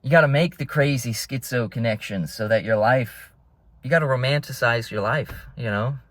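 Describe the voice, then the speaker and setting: A man's voice: mid-range voice, moderate pace, no room sound. A young man vlogging from inside a car, rambling in a laid-back way and calling his listeners bro. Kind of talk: casual rambling monologue.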